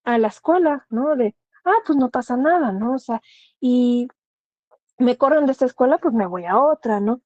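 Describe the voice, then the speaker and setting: A woman's voice: fairly high pitch, moderate pace, a little mellow, dry recording, muffled recording. A woman thanatologist, speaking earnestly and giving direct advice, often asking rhetorical questions. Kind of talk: explanatory talk.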